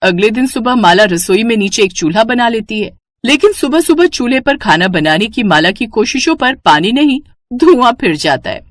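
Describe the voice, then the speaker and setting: A woman narrating a scripted cartoon story with steady, expressive delivery. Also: a little high, normal speed, no room sound.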